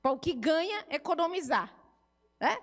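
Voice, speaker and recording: A woman's voice: sits high, sing-song, moderate pace, a bit bright. A middle-aged woman with a Brazilian Portuguese accent, a family therapist giving a conversational church seminar talk and acting out family dialogues. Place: church hall. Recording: reverberant church hall.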